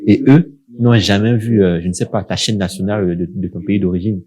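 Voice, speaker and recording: Young Cameroonian man, dark mellow voice. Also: sits low, a little fast, breathy edge. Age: young adult. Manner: lively storytelling, laughs often. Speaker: podcast co-host. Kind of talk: casual podcast conversation.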